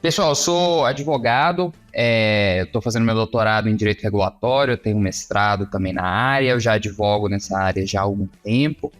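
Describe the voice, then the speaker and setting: Deliberate male lawyer. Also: lowish voice, soft background music. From Minas Gerais, Brazil. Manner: measured, explanatory, searching for words. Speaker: lawyer, guest. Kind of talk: interview guest.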